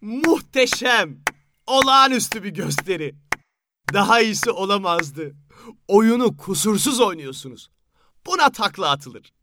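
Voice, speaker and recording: A man's voice: high-pitched, a little fast, noisy background, voice pushed up, lightly acted. A man voicing a smug, mischievous young man who teases and mocks his friends. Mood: mocking. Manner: teasing and playful.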